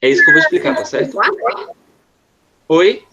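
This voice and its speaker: A man's voice: a little high, huge pitch swings, normal speed, muffled recording, very noisy. A Brazilian man teaching an online class, patiently explaining a grammar rule and checking often that students follow. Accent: Brazilian Portuguese. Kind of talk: online English lesson explained in Portuguese.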